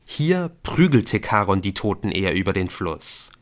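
A man reading an audiobook in calm, measured narration. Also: low voice. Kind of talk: scripted narration.

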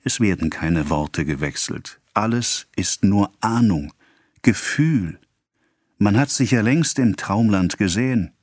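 A man voicing a brooding male seducer, speaking low and hushed in an audiobook reading. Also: animated, slow, no room sound, clean studio sound. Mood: intimate.

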